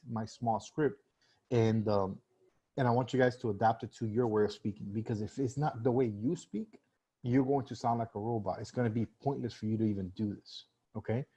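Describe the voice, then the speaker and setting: A man's voice: mid-range voice, mellow, husky. A man teaching sales in a casual live-stream talk, conversational with many fillers and restarts. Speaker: sales trainer.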